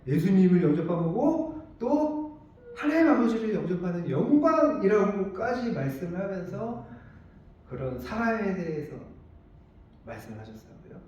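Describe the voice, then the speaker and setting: A middle-aged male pastor with a very high voice delivers a sermon, posing questions to his congregation and answering them. He sounds far from the microphone in a heavily echoing sanctuary. The recording is dull and muffled. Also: big pitch swings, normal speed, mellow. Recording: distant, echoey, muffled church room sound.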